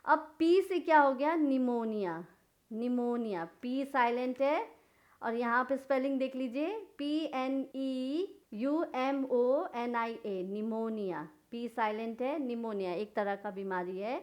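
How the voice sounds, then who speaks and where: A woman's voice: fairly high pitch, slow pace, darkish tone. A woman teaching a lesson, spelling words letter by letter and answering her own questions. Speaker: English teacher. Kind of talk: slow explanatory lesson.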